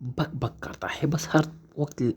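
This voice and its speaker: A man's voice: fairly high pitch, measured pace, breathy edge. A man narrating a story recap casually, with chatty asides to viewers.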